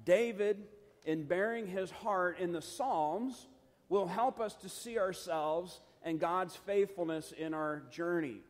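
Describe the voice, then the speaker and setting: A middle-aged man teaching scripture in a relaxed, earnest way, with a slightly higher voice than most men. He restarts his sentences and fills pauses with ums and you-knows. The hall gives his words a long reverb. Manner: earnest, conversational, many fillers and restarts. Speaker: pastor. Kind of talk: Bible study teaching.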